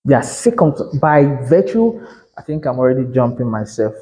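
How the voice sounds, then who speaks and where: Male instructor with a mellow voice, lecturing realtors in a chatty, emphatic way that keeps correcting itself. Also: mid-range voice, big pitch swings, moderate pace, rough recording. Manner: conversational, self-correcting, emphatic. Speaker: real estate instructor.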